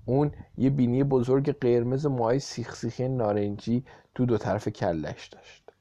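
A man narrating a children's storybook in an expressive reading. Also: mid-range voice, dry recording, dull audio. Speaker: audiobook reader.

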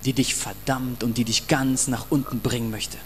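A man's voice: mid-range voice, fairly even intonation, normal speed. A man preaching a passionate, emphatic sermon and addressing the congregation directly, in a reverberant hall with faint mains hum. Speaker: pastor.

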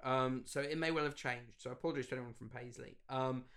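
Man, modern British accent, medium pitch, informal, agreeable, casual conversation, co-host. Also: fairly even intonation, fast talker, fairly bright tone. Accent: modern British English. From Bath, England. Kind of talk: casual chat.

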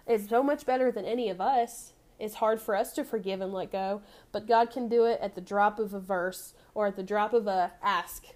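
A woman's voice: medium pitch, normal speed, hardly any pauses, darkish tone. A woman giving an earnest devotional message and then praying aloud, repeating words as she goes. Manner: earnest, repeats words, addresses God directly. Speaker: preacher. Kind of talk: devotional sermon and prayer.

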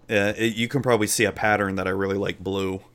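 With a clean, fairly bright voice on the low side, this podcast co-host chats casually about a card game. He keeps it relaxed and joking, and his sentences often fade out into filler words.

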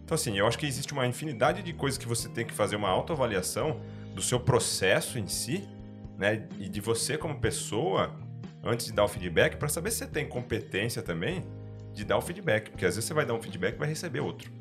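A man, a guest in a casual podcast discussion. He reflects out loud and poses rhetorical questions to himself. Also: mid-range voice, very animated, fast, over music.

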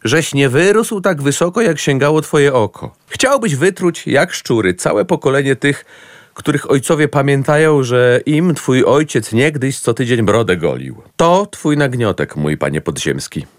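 An actor playing Ernest, a witty, outspoken young gentleman in debt, in a radio play. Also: medium pitch, lively intonation, unhurried, no room sound, clean studio sound, natural voice. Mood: mocking.

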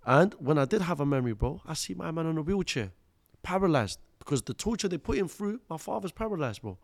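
A man in his thirties, born in Iraq, tells his life story as a podcast guest, using street slang and calling the host "bro" and "akhi." His voice is fairly high and sing-song, fast, with vocal fry. It's a casual storytelling interview.

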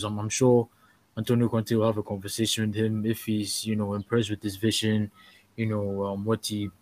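Halting man full of restarts. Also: on the low side, a little mellow, dry recording, low-quality recording. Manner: halting, many fillers and restarts. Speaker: podcast co-host. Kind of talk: casual football chat.

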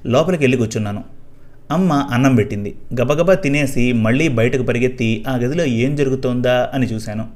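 Man narrating a quiet first-person story. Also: mid-range voice, fairly quick.

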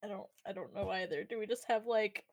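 A woman's voice: medium pitch, fairly quick, dry recording. A young woman co-hosting a casual podcast, laughing often and swearing casually. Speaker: podcast co-host. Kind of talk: casual chat. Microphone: home mic, online call.

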